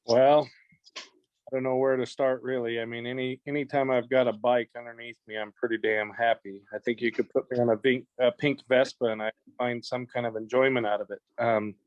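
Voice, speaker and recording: A man's voice: mid-range voice, level tone, fairly quick, no echo. A man speaking in an easygoing, plain way on a casual video call. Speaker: biker guest on a video call. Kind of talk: casual chat. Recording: dry, dull video call audio.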